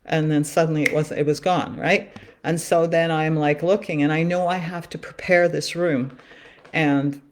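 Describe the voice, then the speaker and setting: A woman's voice: deep voice, steady tone, moderate pace, a little mellow, a little hiss or hum. A woman talking on her own in a loose, earnest way, repeating phrases as she draws cards and muses. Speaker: spiritual card reader. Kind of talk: musing solo livestream talk.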